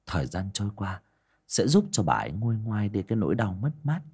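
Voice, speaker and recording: Husky man narrating a horror tale. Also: low-pitched, darkish tone. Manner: dramatic, ominous storytelling. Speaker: storyteller.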